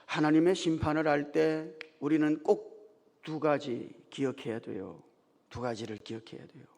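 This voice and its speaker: Pastor guy preaching, tells stories and gets loud and emphatic, big echoey church. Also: fairly high pitch, moderate pace, creaky. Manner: storytelling, building to loud emphatic peaks. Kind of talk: Sunday morning sermon. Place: church sanctuary. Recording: long church hall reverb.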